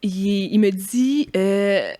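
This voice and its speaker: A woman with a Québécois accent, co-hosting a podcast and telling a story in a casual, animated way, mimicking noises as she goes. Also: mid-range voice, extremely slow. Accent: Québécois French. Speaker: podcast co-host.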